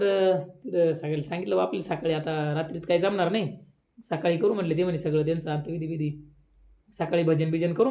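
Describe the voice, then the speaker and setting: A man's voice: on the high side, mellow. A man, giving a devotional sermon at a village memorial gathering, talking conversationally and rising into emphatic questions. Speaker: kirtan preacher.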